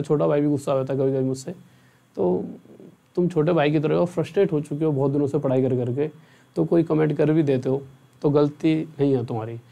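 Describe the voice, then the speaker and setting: A man's voice: fairly high pitch, creaky, dark tone. A young man, a math teacher, chatting earnestly with students at the end of an online class and often checking in with them. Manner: chatty and earnest, often asks "theek hai?".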